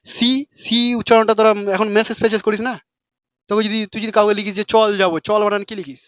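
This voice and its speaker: A man teaches a class at a rapid clip, fast, informal and full of quick questions to his students. His voice sits high. The recording is dry and a little dull. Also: little pitch movement, no echo. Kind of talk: classroom lesson.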